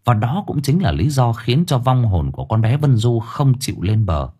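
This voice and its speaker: Expressive husky male audiobook narrator. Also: mid-range voice, moderate pace. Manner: expressive storyteller. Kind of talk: storytelling narration.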